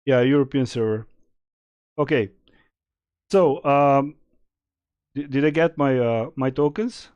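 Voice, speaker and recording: A young man chats slowly with his stream audience, answering questions in a loose, rambling way. His voice is smooth and clear, and the sound is dry and close with no room echo. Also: medium pitch, a little mellow, muffled recording. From Serbia. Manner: rambling, many fillers and restarts, reading chat aloud. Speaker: game streamer. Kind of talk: casual live-stream Q&A.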